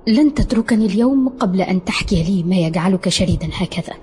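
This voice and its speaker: A young woman who teases and then digs in with childish stubbornness, as a male narrator voices her. The voice sits high above his own and a touch softer. It is an audio novel read by a single storyteller. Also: lively intonation, quick pace, faint music behind. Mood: insistent. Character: young woman, teasing and insistent girlfriend.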